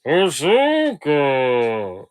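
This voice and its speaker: A man's voice: a little high, wildly swooping pitch, smooth, heavily acted. R2-D2 as a man puts him on in a villain growl. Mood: theatrical. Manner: slow, drawn-out, theatrical. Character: small male droid speaking in a menacing masked-villain growl.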